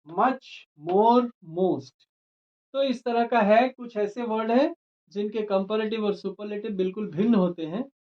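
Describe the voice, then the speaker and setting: Male teacher, unhurried and methodical, explains grammar rules on a dull lo-fi recording. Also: high-pitched. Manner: slow and deliberate, spells words letter by letter.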